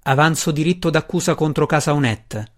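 A scheming dark elf matron who presses every point and will not let it go, read out by a man in his own voice. She sounds sharp and insistent, an audiobook villainess pushing her claim. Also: fairly high pitch, fairly quick, lightly acted. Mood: stern. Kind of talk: audiobook reading.

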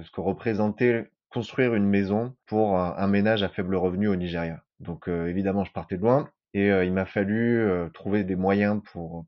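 A man in his thirties from southern France, with a very low voice, gives a personal testimony on a podcast. He speaks haltingly, restarting phrases and repeating words as he goes. The recording sounds dull and lo-fi. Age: 30s. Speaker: podcast guest sharing his experience.

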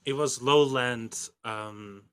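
A man's voice: mid-range voice, slow, fairly bright tone, clean tone. Rambling man on a podcast. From Netherlands. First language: Dutch. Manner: rambling, self-mocking tangents. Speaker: podcast co-host. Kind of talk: casual chat.

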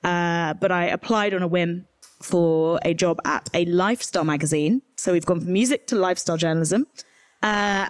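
A woman's voice: lowish voice, dry recording. Young woman with a modern British RP accent. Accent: modern British Received Pronunciation. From rural Herefordshire, England. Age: young adult. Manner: informal, frank, with emphatic asides. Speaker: journalist guest on a panel. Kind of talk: candid conversational interview answers at a live event.

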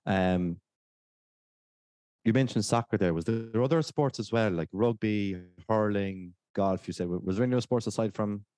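A man's voice: lowish voice, normal speed, dark tone, dry recording. A man from County Clare with a west of Ireland accent, hosting a casual podcast interview in a jokey, self-deprecating way. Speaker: podcast host.

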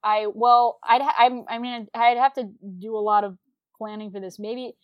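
A woman's voice: fairly high pitch, steady tone, moderate pace, dry recording, muffled recording. Playful woman joking in podcast chat. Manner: playful, joking, rambling with restarts. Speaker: podcast co-host. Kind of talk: casual chat.

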